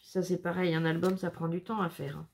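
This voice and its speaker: Chatty woman with gravelly voice. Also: fairly low pitch, fairly even intonation, brisk, darkish tone. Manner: chatty, laughing often, exclaiming over crafts. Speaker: scrapbooking vlogger. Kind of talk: casual unboxing chat.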